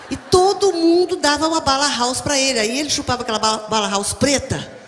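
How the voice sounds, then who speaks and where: Pastora brasileira animada em salão ecoante. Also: female voice, high-pitched, fairly quick, slight background noise. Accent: Brazilian Portuguese. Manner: animated, humorous, addresses the congregation directly. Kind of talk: sermon with storytelling. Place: church hall. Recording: echoey hall, faint ambience.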